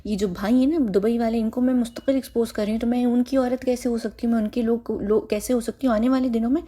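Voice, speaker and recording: A woman speaking to her viewers in a casual vlog monologue. Her voice sits a little high but has a mellow, warm tone. She argues her points insistently and keeps firing rhetorical questions. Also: steady tone, quick pace. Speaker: vlogger.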